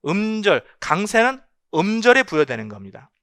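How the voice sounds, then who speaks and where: Male exam-prep lecturer, high bright voice, emphatic and repetitive. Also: sing-song, normal speed, no room sound, clean studio sound. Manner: emphatic, asks rhetorical questions and repeats key points. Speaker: English linguistics lecturer.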